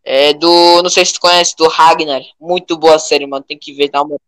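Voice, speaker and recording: A young man with a Brazilian Portuguese accent, chatting casually in a rambling, animated way full of slang. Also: fairly high pitch, fairly quick, no echo.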